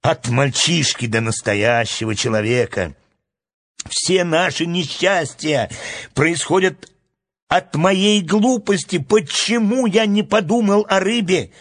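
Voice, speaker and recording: A man voicing a resourceful young boy in a read-aloud storybook, eager and quick to scold himself. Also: on the low side, big pitch swings, gravelly, husky, pitched below the performer's own voice, full character voice. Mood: self-reproaching.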